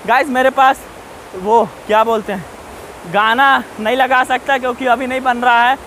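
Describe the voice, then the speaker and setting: A man with a strikingly high voice vlogs on a rocky hillside, talking straight to his viewers while he walks. He chats loosely and keeps warning about danger. A faint rush of falling water hisses behind him. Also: fairly even intonation, pushed and bright, low-quality recording. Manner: chatty, keeps addressing viewers, repeats safety warnings. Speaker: travel vlogger. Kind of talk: casual walking vlog. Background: faint rushing waterfall.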